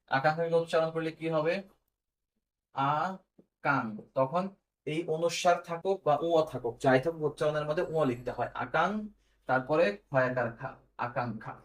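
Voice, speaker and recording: A man with a Bangladeshi Bengali accent teaches a class. His voice sits a little high for a man. He goes through each point step by step, puts questions to his students and answers them himself. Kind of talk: classroom lesson on pronunciation.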